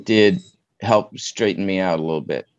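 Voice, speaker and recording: Low-voiced middle-aged New man, muffled sound. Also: normal speed, smooth, no echo. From Queens, New York. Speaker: interview guest, martial arts coach. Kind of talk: casual interview conversation.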